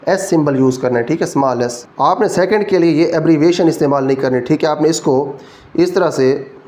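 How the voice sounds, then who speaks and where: A man's voice: on the high side, a little mellow. A man with a Pakistani Urdu accent giving a physics lecture, explaining each rule step by step and checking in with his students. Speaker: physics teacher. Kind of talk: classroom lecture.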